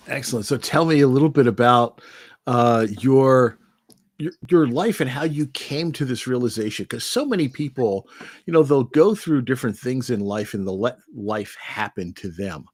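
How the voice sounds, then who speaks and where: A man's voice: mid-range voice, expressive, normal speed, no room sound, studio quality. A man hosting a podcast interview, chatty and enthusiastic, often restarting his sentences. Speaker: podcast host. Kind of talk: conversational interview.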